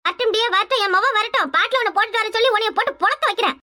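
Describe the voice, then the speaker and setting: A woman's voice: very high voice, rapid-fire. A woman voicing a quarrelsome old village grandmother in a cartoon, with a Kanyakumari Tamil accent and a nagging, threatening manner. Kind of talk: cartoon voice acting.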